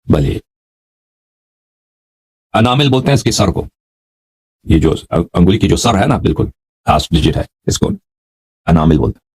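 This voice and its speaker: Low, husky male scholar, patient lecturing, recites Arabic slowly then explains, keeps asking if you follow. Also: expressive, darkish tone. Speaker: religious scholar teaching prayer. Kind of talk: explaining an Arabic hadith text line by line in Urdu.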